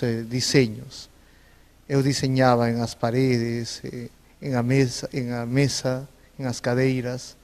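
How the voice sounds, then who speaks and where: A man's voice: medium pitch, a little mellow, big-room sound. A man from Peru with a Peruvian Spanish accent, a native Spanish speaker, answering interview questions hesitantly with many filler sounds. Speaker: interview guest, visual artist.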